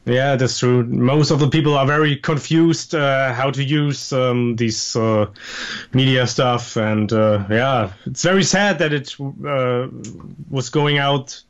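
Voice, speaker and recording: A man with a German accent, a guest musician who talks calmly and hesitantly, with many fillers, over dull lo-fi call audio. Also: medium pitch, slow, smooth. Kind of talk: casual interview.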